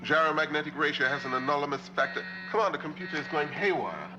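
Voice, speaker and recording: An actor playing a precise, dutiful computer officer on a moon base in a 1970s science fiction television drama. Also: male voice, a little high, lively intonation, quick pace, muffled recording, music in the background, close to an everyday voice. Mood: concerned, precise. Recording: dramatic score behind dialogue.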